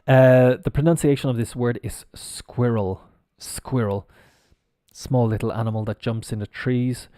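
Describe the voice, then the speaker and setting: Guy teaching english pronunciation on a stream, chatty, spells stuff out, mellow voice. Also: medium pitch, steady tone, fairly quick, hardly any pauses, no room sound, clean studio sound. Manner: spells words letter by letter, chatty and self-correcting. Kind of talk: live-streamed pronunciation lesson.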